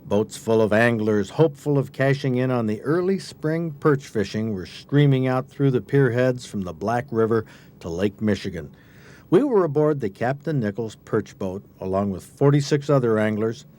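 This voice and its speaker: A man's voice: mid-range voice, expressive, moderate pace, a little mellow, slight background noise. An American man narrates a scripted outdoor feature as a reporter and host, in a folksy, conversational way.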